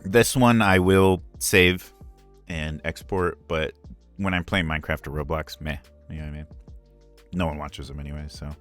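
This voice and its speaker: A man's voice: extremely low pitch, fairly even intonation, normal speed, a bit bright, faint music behind. A man who streams and voices ASMR, talking candidly and earnestly in a casual live Q&A, rambling with frequent asides.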